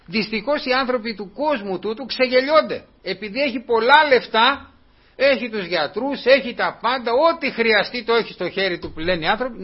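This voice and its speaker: High-voiced earnest man preaching. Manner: earnest, repetitive, addresses listeners as brothers. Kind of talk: sermon. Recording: dull lo-fi recording.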